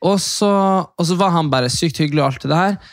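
A young man telling a long story in casual chat, animated and swearing, acting out other people's shouts. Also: on the high side, no room sound, studio quality. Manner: animated, acts out quoted voices loudly; swears a lot, fast rambling.

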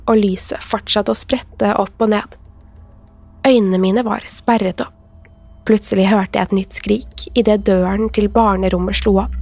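A woman narrating a scary story in the first person, in a measured, suspenseful scripted telling. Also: medium pitch, darkish tone. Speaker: podcast narrator.

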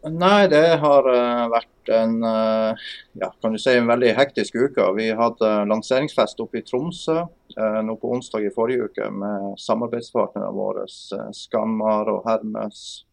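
A man's voice: on the low side, vocal fry. A man with a Northern Norwegian accent, chatting casually as an interview guest. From Northern Norway. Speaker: podcast guest, game developer.

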